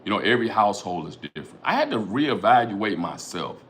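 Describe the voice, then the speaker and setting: A middle-aged man hosts a casual livestream, his fairly low voice moving at a fairly quick clip over a little hiss or hum. He's animated, profane and rhetorical, reading viewers' comments aloud, calling out chatters by name, and repeating lines like "you know what I'm saying."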